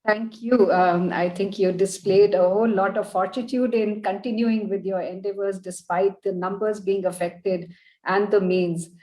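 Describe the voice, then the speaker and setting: A woman's voice: medium pitch, fairly even intonation, moderate pace, mellow. A woman moderating a conference panel in a polite, formal manner. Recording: echoey room on video call.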